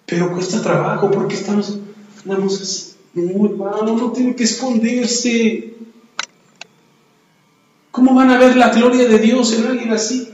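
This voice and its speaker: A man's voice: extremely high pitch, fairly even intonation, a little slow, pauses often, a little mellow, highs cut off, slight background noise. A middle-aged man preaching a sermon in a church, emphatic, repeating his phrases and adding jokey asides. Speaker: pastor. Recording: echoey church hall.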